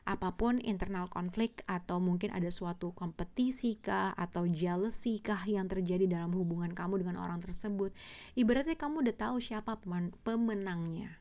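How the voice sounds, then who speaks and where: A woman's voice: on the low side, a little fast, dark tone. Rambling woman reading tarot. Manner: rambling, many fillers and self-corrections, mixes English words. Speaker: tarot reader.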